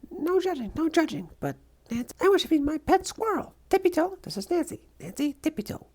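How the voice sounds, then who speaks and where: A woman voicing a brash, chirpy, earnest young female superhero with squirrel powers in a comic dub, in a bubbly, sassy, excitable way. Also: high voice, a little fast. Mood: cheerfully awkward.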